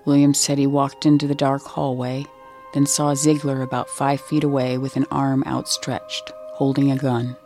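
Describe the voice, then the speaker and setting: Measured reporter narrating a crime story over music. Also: mid-range voice, level tone, darkish tone. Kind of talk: scripted narration.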